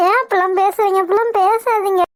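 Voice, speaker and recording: A woman's voice: very high-pitched, steady tone, quick pace, dry recording, clean studio sound. A woman voicing a young, devoted wife in a cartoon, affectionate, pleading and playfully scolding. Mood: tender. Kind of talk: cartoon voice acting.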